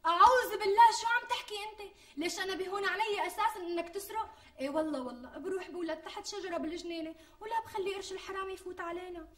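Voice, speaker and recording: An actress playing a pampered, demanding young pregnant wife with a Syrian Damascene accent, wheedling and quick to take offence. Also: female voice, extremely high pitch. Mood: insistent. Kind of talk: TV sketch acting. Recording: distant mic with faint music.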